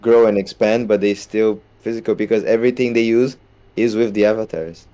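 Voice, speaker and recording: Man with a mellow, dark voice. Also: lowish voice, fairly even intonation, a little fast. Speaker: podcast co-host. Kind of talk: casual chat.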